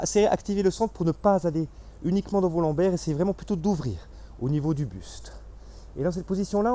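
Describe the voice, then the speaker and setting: Man coaching Pilates, mellow voice. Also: on the high side. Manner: cueing and counting reps while exercising. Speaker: Pilates instructor. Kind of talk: guided workout instruction.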